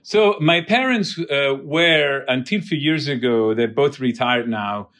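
A man from near Naples with an Italian accent, a biotech CEO talking casually as an interview guest, pausing often with fillers. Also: mid-range voice, a bit bright. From southern Italy, near Naples. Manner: thoughtful, many restarts and filler "uh".

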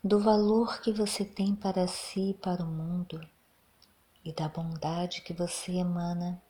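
Speaking almost in a whisper, this Brazilian-accented woman guides a meditation in a soft, breathy, lowish voice. She talks very slowly and soothingly, keeping her pitch mostly flat.

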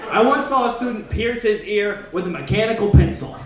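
A man's voice: sits high, expressive, a little fast, a crowd in the background. A man performing a live comedy monologue as a sassy, brash, self-righteous lunch lady with campy indignation. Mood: scornful. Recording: very echoey live room, distant mic.

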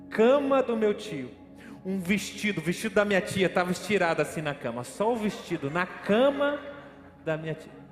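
High-voiced Brazilian preacher in an echoey hall. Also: male voice. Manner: dramatic storytelling, acts out his own panic; addresses listeners as brother, asks questions. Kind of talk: sermon with personal story. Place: church hall, streamed online. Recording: echoey hall with faint music.

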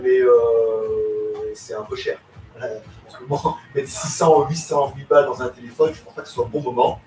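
A man hosting a live tech podcast, talking casually in loose slang with lots of fillers. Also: a little high. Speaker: podcast host. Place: home in Thailand. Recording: echoey room, distant mic, faint hiss.

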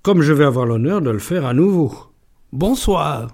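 A man playing a calm, ironic police inspector in a storybook reading. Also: fairly high pitch, normal speed, vocal fry. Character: calm, unflappable middle-aged male police inspector.

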